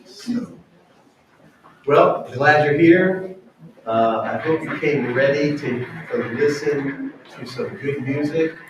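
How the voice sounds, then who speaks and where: A man hosting a church program, giving casual announcements and introducing a guest in a friendly, halting way. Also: on the high side, background noise. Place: church hall. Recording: echoey hall from far off.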